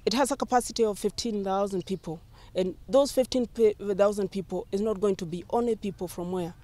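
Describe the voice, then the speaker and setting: Man, mellow and warm tone, confident press statement. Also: high voice.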